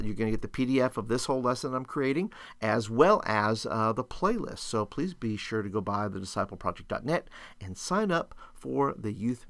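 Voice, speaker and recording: A man's voice: lowish voice, a bit bright, no room sound. A man talking like an upbeat youth pastor, teaching casually as he thinks aloud, asking and answering his own questions. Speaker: youth ministry teacher and video host. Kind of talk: casual instructional screencast talk.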